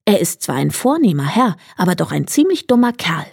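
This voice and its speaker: A woman's voice: on the low side, sing-song, brisk, gravelly, darkish tone, breathy edge, no room sound, studio quality, full character voice. A woman voicing a sly, clever male hedgehog in a read-aloud fairy tale, with a confident, cunning manner. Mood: scheming.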